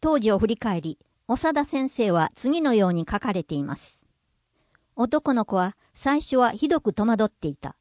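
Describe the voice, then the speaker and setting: A woman with a fairly high voice reads a scripted narration at a measured pace. She slows down to sound out example words. The recording is dry and close, with no room sound. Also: very animated, a little mellow, dry recording.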